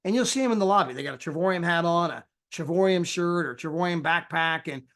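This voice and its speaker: Chatty man pitching a membership. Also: fast, fairly bright tone. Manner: chatty, peppers talk with "right?" and "you know". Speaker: sales presenter. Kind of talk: screen-share sales presentation.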